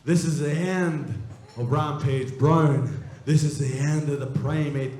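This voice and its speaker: A man acts out a sinister male cult leader in a theatrical wrestling promo. He chants solemnly and very slowly, his fairly high voice echoing through a big hall. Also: warm tone, close to an everyday voice. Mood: solemn menace. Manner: slow, ominous, chanting. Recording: echoey large hall.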